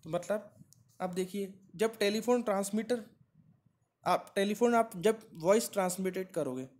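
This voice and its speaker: A man's voice: sits high, measured pace, darkish tone. A man teaching an exam-prep lesson, explaining step by step and answering his own questions, with frequent "right?" checks.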